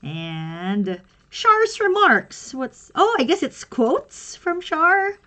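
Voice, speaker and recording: A woman's voice: high voice, wildly swooping pitch, drawn-out words, bright, forceful tone. A young woman and pro wrestler chatting casually on a livestream as she unboxes something, rambling and giggling as she goes.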